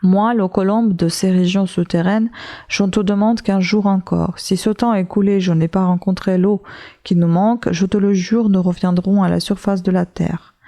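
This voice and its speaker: A woman's voice: mid-range voice, fairly even intonation, normal speed, warm tone, lightly acted. A woman reading the lines of a stubborn, obsessive old male professor in a commanding, insistent way.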